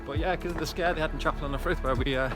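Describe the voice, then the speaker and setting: With a fairly high pitch and a steady tone, a running vlogger talks rapid-fire over background music. He chats casually with viewers, encouraging them while out running on a hillside trail by reservoirs.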